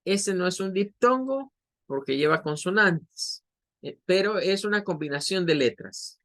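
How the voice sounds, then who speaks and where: Slow, patient Spanish-speaking English teacher. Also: male voice, high voice, expressive, fairly bright tone. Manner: slow, patient explaining with drawn-out example words. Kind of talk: online class lesson.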